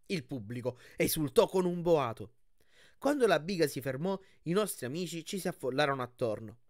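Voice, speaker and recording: A man reading a novel aloud for his channel, expressive and lively in his storytelling. His voice sits fairly high for a man. The recording is dry and close, with no room sound. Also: normal speed, dry recording. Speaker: audiobook reader and channel host.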